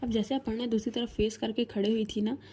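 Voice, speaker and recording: A woman narrating a story in a chatty, casual way, talking straight to the listener. Her voice sits a little high and mellow. A faint hiss runs under the recording. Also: fairly even intonation, fairly quick. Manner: chatty, addresses listener as 'bhai'.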